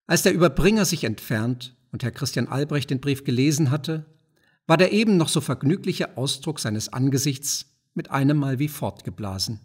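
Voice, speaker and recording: A man narrating a classic novella as an audiobook reader, in a measured, even storytelling manner. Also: medium pitch, husky.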